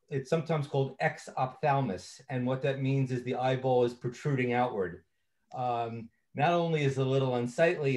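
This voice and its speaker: A man's voice: medium pitch, darkish tone. A man presenting a recorded medical training lecture in a conversational way, with many fillers and self-corrections.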